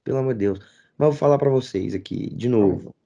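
A man's voice: medium pitch, fast, vocal fry, lo-fi sound, over a noisy crowd. A man, co-hosting a football debate show, mocking his opponent with repeated teasing. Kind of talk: heated sports debate.

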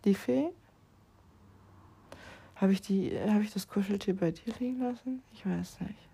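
A woman vlogger rambling in a drifting, dreamy way, thinking aloud and now and then dropping to a soft whisper. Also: medium pitch, a little slow, creaky, breathy edge. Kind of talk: rambling casual monologue.

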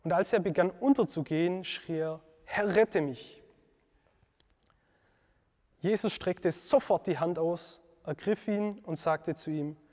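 A man's voice: sits high, normal speed, few pauses, a little mellow. Earnest man in a reverberant space. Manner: earnest, reflective, with fillers and self-corrections. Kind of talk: devotional teaching talk.

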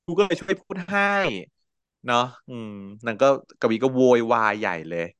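A man casually recapping a drama with a co-host, slipping into the characters' voices as he retells scenes. His voice sits in an ordinary middle pitch. The recording is close and dry, with no room sound. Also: moderate pace, clean tone, no room sound. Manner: animated retelling, acting out quoted lines, frequent laughs.

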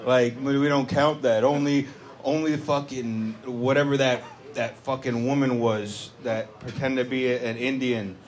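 An American-born man with a voice of middling pitch talks like a comedian between jokes. His delivery is loose and laid-back, full of fillers and offhand swearing. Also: steady tone, unhurried. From United States. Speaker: comedian and podcast host. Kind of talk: casual comedy talk.

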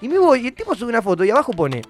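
A young man with an Argentine Rioplatense accent, chatting casually as a podcast host and telling an animated story full of acted-out quotes. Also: very high voice, racing, soft background music. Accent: Argentine Rioplatense Spanish. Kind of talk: casual chat.

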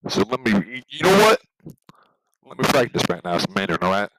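Man playing a forceful, blustering macho podcaster. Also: on the low side, sing-song, fairly quick, slight background noise, rough recording. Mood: boastful. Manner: repetitive, rambling, swearing bravado. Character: blustering macho male podcaster with belligerent swagger. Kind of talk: improvised comedy monologue.

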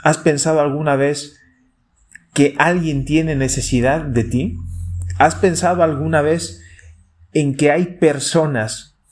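A man's voice: on the high side, steady tone, slow, darkish tone. A man in his thirties from Chile with a Chilean Spanish accent, a priest hosting a podcast and talking reflectively, asking the listener direct questions. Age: 30s. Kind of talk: casual pastoral podcast talk.

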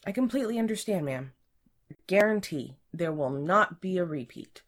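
A cheeky young man at the office, voiced by a woman narrating a story. He answers politely but mock-innocently, in a low voice. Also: lively intonation, moderate pace.

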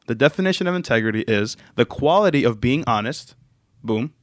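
A playful young man co-hosts a casual faith-themed chat. His voice sits at an ordinary middle pitch. The sound is dry and close to the mic. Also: animated, fairly quick, no room sound. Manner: playful, acts out scenes with shouted put-on voices. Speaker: podcast co-host.

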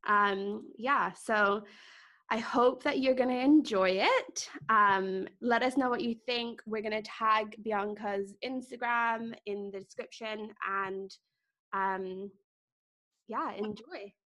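A woman's voice: medium pitch, steady tone, takes it slowly, a bit bright. A woman co-hosting a podcast, upbeat and chatty, introducing the guest. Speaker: podcast co-host. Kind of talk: casual podcast chat.

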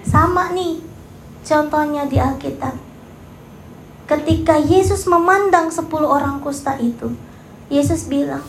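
High-voiced woman preaching in an echoey hall. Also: gravelly, slight background noise. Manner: animated, rising to emphatic calls. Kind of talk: sermon. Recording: echoey room.

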